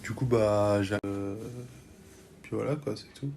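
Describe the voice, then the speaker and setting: Jeune Français au parler cru, son bruité. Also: male voice, lowish voice, measured pace, vocal fry, darkish tone, a little hiss or hum. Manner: offhand, blunt, swearing. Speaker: vlogger filming stories for followers. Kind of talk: casual chat to camera, slangy.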